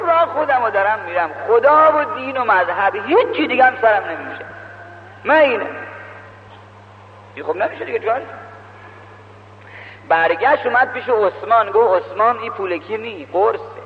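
A high-voiced man preaching in a big echoing hall. He tells the story as a chain of quoted back-and-forths and turns to urge his listeners directly. The lo-fi recording sounds dull and has a faint hum behind it. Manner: retells dialogue with many "he said" turns. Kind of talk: sermon storytelling.

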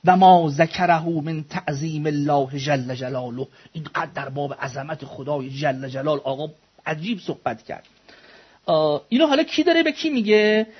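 A man's voice: a little high, slightly rough, highs cut off. A man teaching a religious studies class, explaining texts word by word, questioning students and joking with them.

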